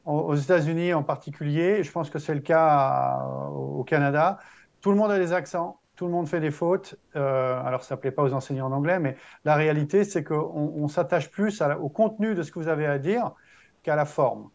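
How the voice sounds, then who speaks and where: A man's voice: on the high side, moderate pace, gravelly, darkish tone, lo-fi sound. A man who used to teach English speaks on a panel, emphatically encouraging students to just speak up. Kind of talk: panel talk.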